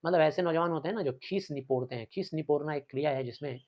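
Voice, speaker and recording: A man's voice: a little high, fast talker, darkish tone. Man explaining a Hindi play to students. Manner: reads lines aloud with acted voices, explains words plainly. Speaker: Hindi teacher.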